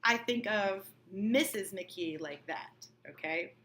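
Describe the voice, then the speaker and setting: A woman teacher reads a novel aloud at a slow pace, her medium-pitched voice fairly bright, with slight background noise. She breaks off for informal, colloquial explanations, often checking that listeners follow with an "okay" or "right."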